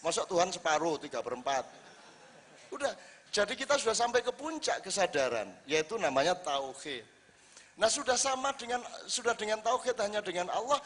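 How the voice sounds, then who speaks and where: A man preaching to a live audience, lively and full of rhetorical questions. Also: high-pitched. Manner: lively, rhetorical questions, acts out quoted lines. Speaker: Islamic preacher. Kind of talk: religious talk to a live audience. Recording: reverberant hall.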